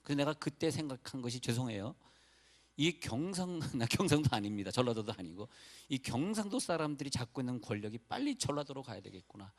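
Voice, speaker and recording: A man's voice: medium pitch, expressive, a little fast. A male pastor from North Korea preaching a sermon in a loose, chatty way, with rambling asides and apologies to the congregation.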